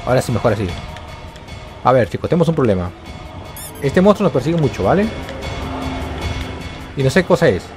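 A man giving excited commentary on a horror game, yelping and repeating words when scared. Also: medium pitch, fairly quick, long pauses, over music. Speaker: gaming YouTuber.

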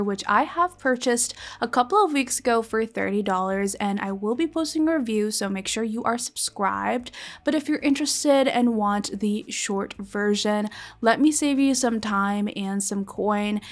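A woman's voice: mid-range voice, lively intonation, normal speed. A young woman in her twenties talking as a beauty vlogger, chatty and upbeat, calling viewers babes and friends. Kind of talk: shopping vlog voice-over.

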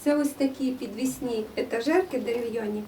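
A woman from the museum staff talking an audience through the exhibits in a steady, explanatory way. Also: a little high, a little fast, creaky, slight background noise. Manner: steady, explanatory, with occasional fillers. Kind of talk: guided talk about exhibits. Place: indoor museum room. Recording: distant room microphone.

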